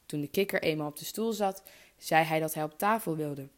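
Low-voiced woman reading a fairy tale. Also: fairly quick. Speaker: storyteller.

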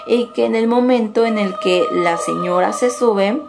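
A woman's voice: mid-range voice, a little slow, gravelly, loud music behind the voice. A young woman, telling a personal paranormal story in a casual, rambling way full of restarts and asides. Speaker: caller sharing a paranormal story.

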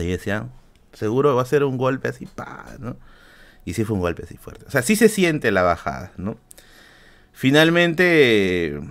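A man with a Peruvian Spanish accent telling a story in a casual, comic way, swearing freely and dropping in fillers and tag questions. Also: lowish voice. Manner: animated, profane, many fillers and tag questions. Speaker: podcast host.

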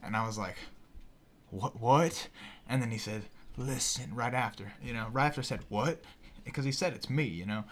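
Animated young man telling a wild story. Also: mid-range voice, fast talker, hardly any pauses, a little hiss or hum. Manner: animated, profane, acts out voices in his story. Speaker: podcast guest. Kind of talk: casual storytelling chat.

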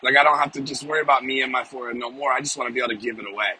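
Man, smoker's voice, forceful bright tone, halting informal preaching, repeated phrases, noisy car recording. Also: medium pitch, fairly even intonation. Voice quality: smoker's voice with occasional cough. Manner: halting, repeats phrases for emphasis, seeks agreement with "right?". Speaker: podcast host giving a devotional. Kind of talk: informal off-the-cuff sermon and prayer. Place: inside a parked small car.

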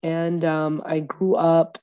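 A woman from Egypt, a lawyer and comedian, chatting as a podcast guest, animated and joking with lots of fillers. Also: deep voice, slow pace, smooth, no room sound, muffled recording. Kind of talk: casual conversational interview.

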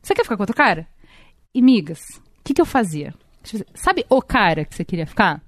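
A young adult woman chatting casually, telling a personal story with lively acted-out quotes. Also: mid-range voice, a little fast, no room sound. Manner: animated storytelling, acts out quoted dialogue. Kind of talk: casual chat.

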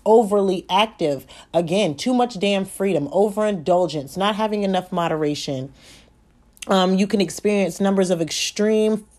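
A woman hosting a solo podcast from home, talking fast and rambling, swearing often and correcting herself as she goes. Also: medium pitch, darkish tone. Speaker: podcast host. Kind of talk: solo spiritual podcast monologue. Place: home at night, child asleep nearby.

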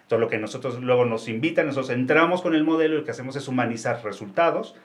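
A man's voice: medium pitch, quick pace. A man with a Mexican accent, an executive coach, explaining his work in a casual interview, often restarting phrases and checking in with tag questions. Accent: Mexican Spanish. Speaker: executive coach, company founder.

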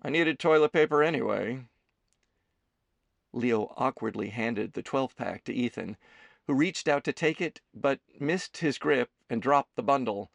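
A man narrating an audiobook in an expressive storytelling manner. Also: mid-range voice, normal speed, creaky, dry recording. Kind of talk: scripted narration.

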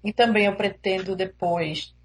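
A woman's voice: mid-range voice, steady tone, unhurried. A young woman from Recife with a Pernambuco Brazilian accent, chatting as an interview guest over a remote call, hesitant and laughing easily. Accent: Pernambuco Brazilian Portuguese. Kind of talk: casual interview chat.

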